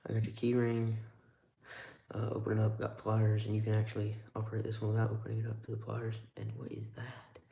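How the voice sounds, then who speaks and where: Low gravelly man in an echoey room. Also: darkish tone, a little hiss or hum. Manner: rambling, wry remarks while handling tools. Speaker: live streamer reviewing multi-tools. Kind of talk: casual live-stream commentary.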